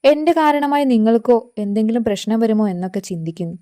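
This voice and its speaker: A woman voicing a shy, gentle orphaned young wife who speaks softly in a storybook narration. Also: on the high side, quick pace, close to an everyday voice. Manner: soft and timid.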